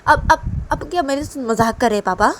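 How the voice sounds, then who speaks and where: An exasperated young woman, voiced by the female storyteller snaps at her teasing father in loud, scolding bursts. She sounds short-tempered and impatient, in a homemade spoken storybook. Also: mid-range voice, normal speed, a little hiss or hum, lightly acted. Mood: irritated. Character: hot-tempered young woman, irritated daughter.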